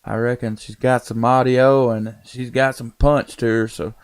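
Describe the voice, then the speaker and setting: Here a Tennessee ham radio operator and live streamer makes easygoing, folksy conversation in his Southern accent. His medium-pitched voice moves little in pitch, comes at a normal speed, and sounds clean.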